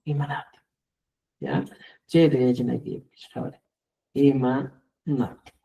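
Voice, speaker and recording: A male teacher, explaining grammar in an online lesson and often checking in with a quick "¿ya?". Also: medium pitch, big pitch swings, gravelly, warm tone, dull audio. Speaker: Quechua language teacher.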